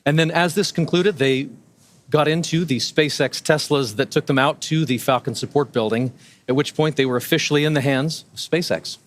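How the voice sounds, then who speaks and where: A man's voice: fairly high pitch, normal speed. A man co-hosting a live spaceflight webcast with an earnest, appreciative way of talking. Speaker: launch webcast co-host.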